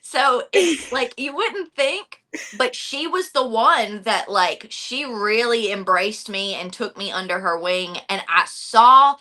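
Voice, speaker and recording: A woman in a casual interview chat, telling stories in an animated way and acting out quotes. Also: fairly high pitch, slow pace. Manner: animated storyteller, acts out quotes. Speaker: wrestling announcer, interview guest.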